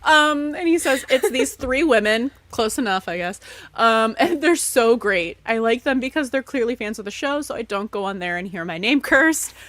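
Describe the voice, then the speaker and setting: A woman's voice: on the high side, lively intonation, moderate pace, a bit bright, no echo. A young adult woman co-hosting a casual live podcast chat, bubbly and laughing often. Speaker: podcast co-host.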